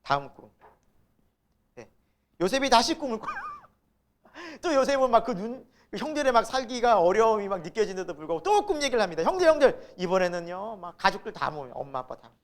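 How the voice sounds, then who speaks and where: Animated man preaching with a lively pitch. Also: fairly quick. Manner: animated, acts out the quoted characters, laughs often. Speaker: pastor. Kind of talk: sermon. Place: church sanctuary.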